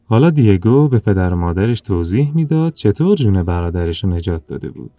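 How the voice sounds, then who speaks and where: A man narrating a children's story in a calm, even storytelling manner. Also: lowish voice, no room sound.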